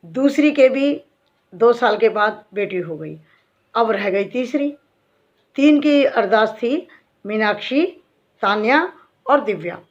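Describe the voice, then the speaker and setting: Middle-aged woman, kinda high voice, heartfelt devotional testimony, muffled lo-fi sound. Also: lively intonation, slow, pauses often. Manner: earnest, heartfelt storytelling addressing devotees. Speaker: Sai devotee and bhajan singer. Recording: dull lo-fi recording.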